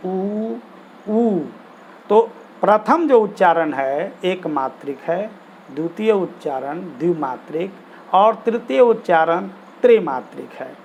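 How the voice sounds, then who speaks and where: संस्कृत व्याकरण पढ़ाते एक पुरुष प्राध्यापक, जो ठहर-ठहर कर समझाते हैं, खुद प्रश्न पूछकर उत्तर देते हैं और सूत्रों का सस्वर पाठ करते हैं।. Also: male voice, high-pitched, creaky, a little hiss or hum, poor audio. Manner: measured, explanatory, poses questions then answers them; chants Sanskrit sutras in recitation. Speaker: assistant professor teaching Sanskrit grammar. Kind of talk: classroom lecture.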